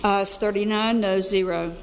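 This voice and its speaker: Woman clerk reading off vote counts, flat and plain, echoing in a big hall. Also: medium pitch, a little slow, slight background noise. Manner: flat, matter-of-fact announcements. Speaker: senate clerk. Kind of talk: reading vote tallies and bill numbers.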